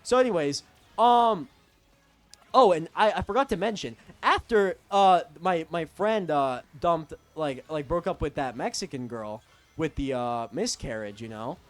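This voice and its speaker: Animated, high-pitched young man ranting. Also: a little slow, no echo, faint music behind. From Texas. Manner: rambling, profane, animated. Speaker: vlogger. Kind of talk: storytime rant.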